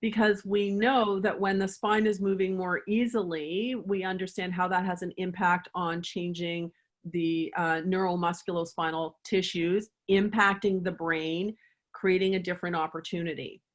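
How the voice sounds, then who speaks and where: A woman's voice: on the low side, steady tone, moderate pace. Earnest woman chiropractor guest. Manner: earnest, thoughtful, guides listener through a breathing reflection. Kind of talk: reflective interview answers.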